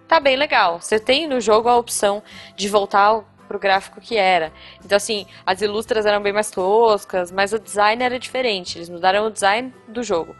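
A young adult woman with a Brazilian accent, chatting casually and enthusiastically as a podcast co-host, full of slang and fillers. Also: medium pitch. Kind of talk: casual chat.

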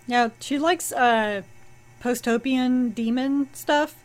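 A woman's voice: high voice, takes it slowly. A woman co-hosting a casual comics podcast, rambling through plot recaps with fillers and restarts. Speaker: podcast co-host.

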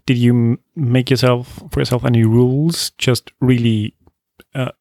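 Guy interviewer, kinda low voice with some fry, dry close sound, stumbles through questions. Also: level tone, darkish tone, no echo. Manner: halting, restarting questions, supportive. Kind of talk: conversational interview.

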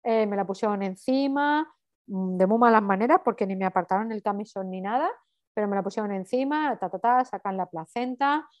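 A woman in her thirties with a Spanish accent from Spain, casually telling a personal story and acting out the dialogue with a lively, blunt manner. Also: medium pitch, a little fast, no room sound.

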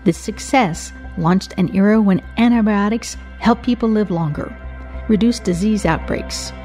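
A woman's voice: mid-range voice, unhurried, darkish tone, faint music behind. A woman with an American accent reading scripted narration as a science radio host and reporter.

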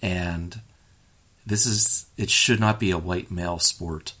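A man's voice: deep voice, steady tone, slow pace, sharp tone. A man hosting a casual sports podcast, opinionated and rambling, with many fillers and restarts. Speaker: podcast host.

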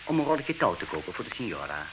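An actor playing a formal, deferential household servant in an old radio play. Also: male voice, on the low side, big pitch swings, fast talker. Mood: dutiful. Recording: hissy old radio recording.

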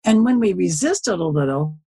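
A woman in her seventies, a social media consultant appearing as a podcast guest, tells stories in a casual interview, rambling in a folksy way and circling back through many asides. Her voice is low, gravelly and warm with a breathy edge, expressive and moderately paced, with no echo.

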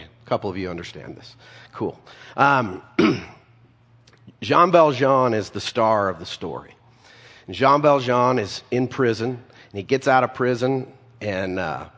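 A man's voice: medium pitch, fairly bright tone. A man preaching a sermon in an easygoing, conversational way. He tells stories and drops casual asides to the congregation. His voice rings out with a long reverb, as if in a large hall. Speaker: pastor.

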